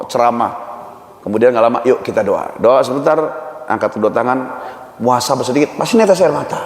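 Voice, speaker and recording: A man gives a lively, joking mosque sermon, slipping into little acted-out conversations. His mid-range voice rings through a large hall with a long, echoing tail. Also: mid-range voice. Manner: jokey and conversational, acts out dialogues. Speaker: ustaz preacher. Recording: echoey hall reverb.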